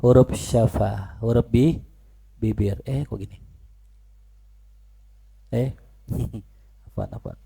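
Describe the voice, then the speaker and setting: Seorang pria mengajar pelajaran agama dengan santai, dengan logat Betawi, banyak bertanya lalu menjawab sendiri. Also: male voice, fairly low pitch, takes it slowly, vocal fry, pauses often, breathy edge. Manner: lively, playful, asks questions then answers them himself. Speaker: religious teacher. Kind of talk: informal religious lesson.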